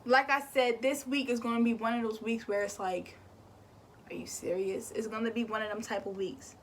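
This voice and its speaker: A woman's voice: fairly high pitch, fairly even intonation, brisk, fairly bright tone, a little hiss or hum. A young woman giving a casual spiritual card reading, chatty, repeating words and swearing offhandedly. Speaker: tarot and oracle card reader.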